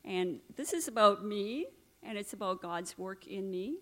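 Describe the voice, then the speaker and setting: A woman's voice: medium pitch, expressive, measured pace. A middle-aged woman from Trinidad and Tobago sharing her personal testimony in church, telling her story earnestly with slides. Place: church hall.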